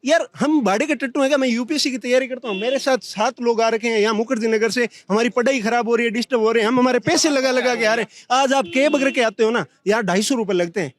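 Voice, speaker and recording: A young man from Bikaner speaking as a protester in a heated street interview, talking fast and pleading with indignation. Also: very high-pitched. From Bikaner, India.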